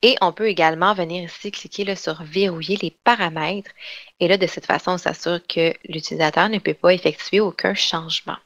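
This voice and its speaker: A woman's voice: on the low side, fairly even intonation, fairly quick, fairly bright tone, dry recording, highs cut off. Chatty woman trainer, dry sound. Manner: chatty explanatory, frequent fillers and restarts. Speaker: software trainer. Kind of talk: online webinar demonstration.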